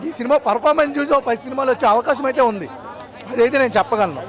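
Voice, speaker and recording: A man giving a measured street review of a film, weighing its strengths against its weaknesses. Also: very high-pitched, a crowd in the background. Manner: measured, critical, weighs pros and cons.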